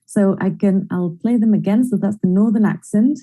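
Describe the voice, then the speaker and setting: A woman's voice: mid-range voice, moderate pace, warm tone, rough recording. A woman giving an online academic conference presentation, explaining her research methodically through a computer mic. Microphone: computer mic in an online screen-share presentation.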